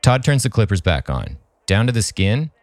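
A man's voice: fairly low pitch, big pitch swings, moderate pace, dry recording. A man narrating a scripted story aloud as a podcast host.

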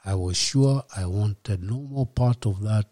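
Kenyan man in his fifties, interview guest; relaxed, reflective storytelling with a dry, close sound. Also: on the low side, no echo. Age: 50s. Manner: reflective, unhurried, slips in Swahili words. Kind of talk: personal storytelling in a podcast interview.

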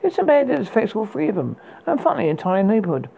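A performer playing a spooky horror host, reading recommendations in a husky, gravelly voice with a halting, stumbling delivery. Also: medium pitch, huge pitch swings, mellow, full character voice, rough recording. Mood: ominous. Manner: halting read with stumbles and repeated words. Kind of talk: scripted horror book and film recommendations read as a horror host.

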